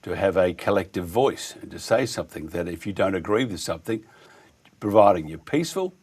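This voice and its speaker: A male radio host with a low, husky voice chats through an interview. He is opinionated and rambles haltingly from thought to thought. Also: expressive, a little mellow.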